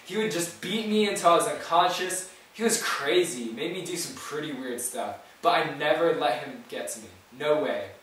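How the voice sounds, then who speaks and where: A stoic former prisoner of war, played by a man, telling of his ordeal in a plain, earnest way. His voice is slightly high, caught from a distance in a very echoey room. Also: animated, moderate pace, few pauses, fairly bright tone.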